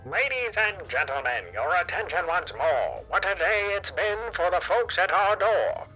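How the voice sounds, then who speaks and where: A man's voice: high voice, very animated, a little slow, sharp tone, slightly rough, muffled recording, faint music behind, voice pushed up, full character voice. A man voicing a theatrical male jester announcer in a sing-song, old-timey showman delivery. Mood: showy.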